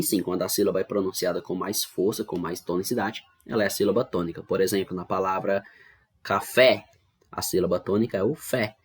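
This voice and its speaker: Low husky-voiced male teacher. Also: a little mellow. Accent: Brazilian Portuguese. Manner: patient, explaining step by step with frequent check-ins. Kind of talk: online classroom lesson. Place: home recording for online class.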